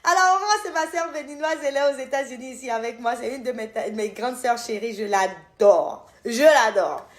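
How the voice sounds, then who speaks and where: A woman's voice: a little high, a little fast, few pauses. Chatty woman with an Ivorian French accent. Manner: chatty, affectionate, calls viewers "my loves"; loses track and corrects herself. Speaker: skincare brand owner answering viewers. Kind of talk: casual live-stream Q&A.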